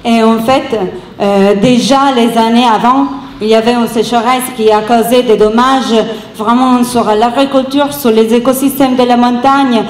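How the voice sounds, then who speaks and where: Italian-accented woman speaking halting French, roomy echo. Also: fairly high pitch, fairly even intonation. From Italy. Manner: halting non-native French with hesitations and rephrasing. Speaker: activist speaker at a round table. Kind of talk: public speech, improvised. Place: round-table event, speaking to an audience. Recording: roomy echo with faint background noise.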